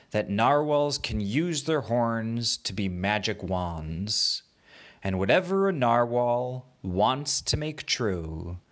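A man narrating an improvised bedtime story as a children's storyteller, in simple, repetitive phrases for young listeners. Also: fairly low pitch. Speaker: children's storyteller, podcast host.

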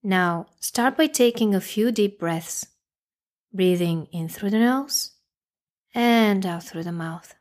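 Long pauses separate the short, simple instructions a woman gives while leading a guided meditation. Her mid-pitched delivery stays calm and measured throughout.

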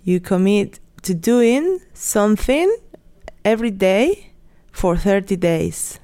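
A woman's voice: medium pitch, animated, takes it slowly, mellow. A native Spanish-speaking woman co-hosting an educational language podcast, mixing Spanish and English in Spanglish as she talks.

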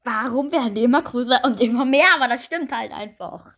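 A young woman with a slightly high voice gives casual reaction commentary. She is trying not to laugh and keeps slipping into giggles as she talks. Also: brisk, fairly bright tone. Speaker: video creator reacting to a clip.

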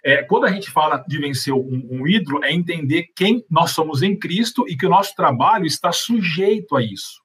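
A Brazilian man with a fairly high, somewhat raspy voice speaks as a panelist on faith. He teaches conversationally, explaining his points step by step with everyday examples. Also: expressive, moderate pace, few pauses, a bit bright. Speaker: panelist answering questions on faith.

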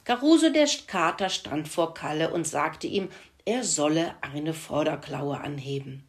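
A woman reading a children's farmyard story aloud in a gentle, expressive way. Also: low voice, measured pace.

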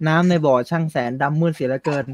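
A man's voice: fairly high pitch, steady tone, rapid-fire, a little mellow, lightly acted. A man voicing a bumbling old king who keeps laughing and joking with his daughter, in an improvised comedy story podcast. There is faint noise behind him. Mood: joking fatherly. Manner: laughs often, clowns and goes off-script.

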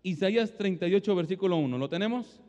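Male preacher, sermon, fairly high voice, long hall reverb, muffled sound, call-and-response. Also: animated, fast talker. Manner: preaching with call-and-response, swinging between loud exhortation and soft, low asides. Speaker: pastor.

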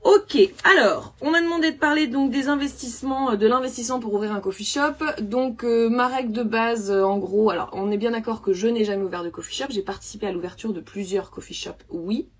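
A woman's voice: fairly high pitch, a little fast, hardly any pauses. A woman hosting a casual podcast about coffee. She explains each step plainly, with fillers as she thinks aloud. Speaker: coffee consultant and podcast host.

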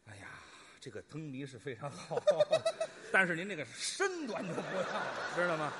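Indignant straight man, very animated. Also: on the high side, crowd noise. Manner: quick indignant retorts. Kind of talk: crosstalk stage comedy.

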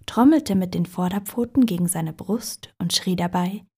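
A woman narrating a children's story in a calm, measured way. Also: lowish voice, husky.

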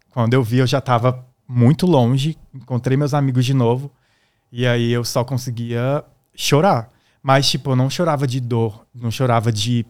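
A man's voice: medium pitch, a little mellow. A man, a guest musician, telling a personal story in a casual way and acting out the voices of the people in it. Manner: acts out the voices in his stories.

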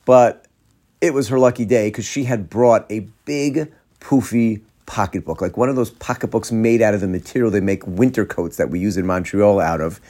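A man from Atlanta, a rabbi telling a story in a sermon, acting out the people in it with quick laughs. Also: on the low side. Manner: animated storyteller, acts out quoted voices with laughs.

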